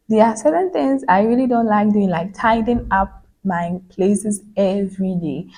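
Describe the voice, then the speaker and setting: A woman's voice: medium pitch, a little mellow. A young woman vlogging into her phone's back camera, talking earnestly and repeating phrases for emphasis. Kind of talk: casual reflective vlog monologue.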